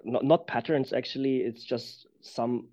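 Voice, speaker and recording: A man who is not a native English speaker, talking reflectively as an interview guest in careful, halting English, searching for words. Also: mid-range voice, fairly even intonation, dark tone. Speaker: interview guest, professional dancer. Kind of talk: reflective conversation. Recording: dull lo-fi sound.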